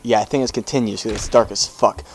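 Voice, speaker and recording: A man's voice: fairly low pitch, fairly even intonation, fast, a little hiss or hum, rough recording. A young man commenting on a horror game as he plays, jumpy and swearing, with panicked outbursts. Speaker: gamer. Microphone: headphones with desk mic.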